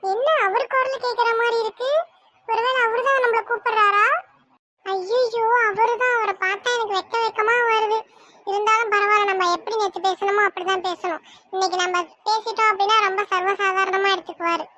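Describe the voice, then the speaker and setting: A woman doing a very high, bright young woman. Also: fairly even intonation, fairly quick, no echo. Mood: flustered. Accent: Tirunelveli Tamil. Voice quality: shy, musing to herself. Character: young woman torn over a suitor. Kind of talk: cartoon voice acting.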